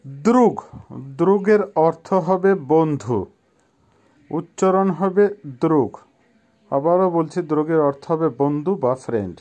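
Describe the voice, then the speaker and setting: Slow-speaking man teaching vocabulary. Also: fairly high pitch, darkish tone. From Bangladesh. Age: 50s. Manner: slow, repeats each word for pronunciation. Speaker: language teacher. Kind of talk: vocabulary lesson.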